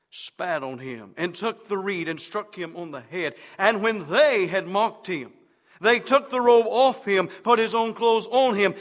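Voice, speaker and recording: A man preaching a sermon, emphatic and rising to loud shouts on key words. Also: sits high. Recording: long hall reverb.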